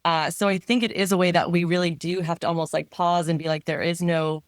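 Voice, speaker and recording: Woman, physical therapist guest, lower voice, explaining, dry sound. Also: steady tone, brisk, no echo. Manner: explaining, thoughtful. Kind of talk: casual interview talk.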